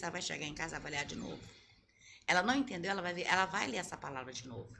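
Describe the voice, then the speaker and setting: Casting: low, gravelly woman pastor, earnest and didactic, with faint noise behind. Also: a bit bright. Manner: earnest, teaching, repeats key points. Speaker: pastor, guest. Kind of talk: sermon-like answers in a podcast interview.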